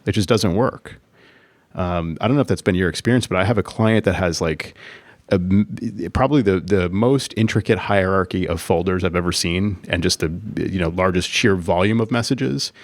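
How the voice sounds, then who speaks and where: A man's voice: sits low, normal speed, dry recording. A man co-hosting a podcast, telling a long work story in casual chat, full of fillers and restarts. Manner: rambling, many fillers and restarts. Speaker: podcast co-host, Apple consultant.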